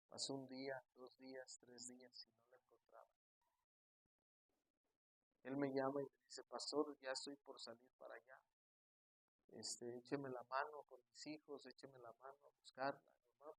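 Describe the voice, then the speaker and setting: A man preaching as a pastor, telling stories and acting out his church members' voices, swinging from hushed storytelling to loud emphatic preaching. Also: mid-range voice, no room sound, low-quality recording. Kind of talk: sermon.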